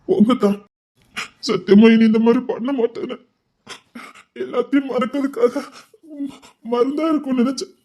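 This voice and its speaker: An actor playing a tearful, remorseful brother, sobbing and stammering in a Tirunelveli Tamil accent, in a web-series family drama. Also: male voice, very high voice, dark tone.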